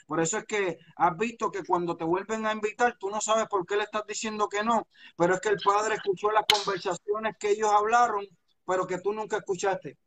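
A man's voice: high voice, steady tone, a little fast, fairly bright tone. A man preaching a charismatic sermon with fervent, storytelling delivery.

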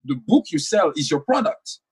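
With a slightly high, sing-song voice that sounds a little rough, he speaks at normal speed. He is a young French-first-language author in a conversational interview, earnest and prone to repeating words as he thinks.

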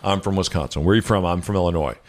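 A man's voice: low-pitched, very fast. A man from the American Midwest co-hosting a radio talk show, explaining things in a conversational way. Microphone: studio microphone.

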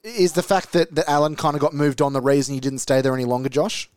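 A man's voice: on the high side, steady tone, fast talker, darkish tone, no room sound. A man hosting a podcast, asking long, thorough questions with small restarts. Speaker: podcast host. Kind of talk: interview questions.

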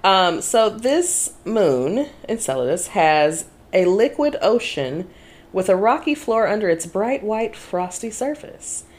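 A woman co-hosting a casual podcast chat in an animated, chatty manner. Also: mid-range voice, takes it slowly. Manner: animated, chatty, laughs often. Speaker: podcast co-host.

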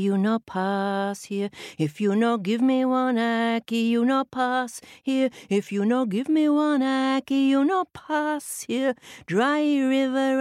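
A woman's voice: on the high side, a little mellow, dry recording, clean studio sound. A woman voicing a magical river that chants its demand in a lilt.

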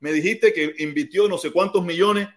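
Host: high-pitched Cuban man, argumentative and repetitive, heated live debate. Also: moderate pace, a bit bright. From Cuba. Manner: argumentative, repeats himself, talks over the other man. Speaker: podcast host.

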